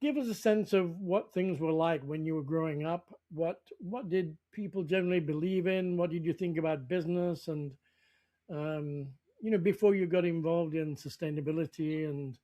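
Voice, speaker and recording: A man's voice: a little high, steady tone, normal speed, mellow, dull audio. A man hosting an interview podcast, who asks long, rambling questions with repeated words. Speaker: podcast host.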